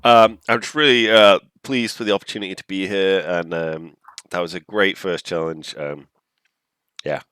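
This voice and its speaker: Man playing a deep, politely nervous contestant. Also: steady tone, a bit bright, smooth, no echo. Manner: halting, politely earnest. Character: eager, polite, nervous fantasy villain audition contestant.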